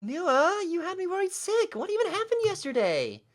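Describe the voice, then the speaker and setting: A man voicing an anxious young woman, a student council president, in a strained falsetto. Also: wildly swooping pitch, moderate pace, a bit bright, exaggerated voice. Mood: worried. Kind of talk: voice acting a visual novel.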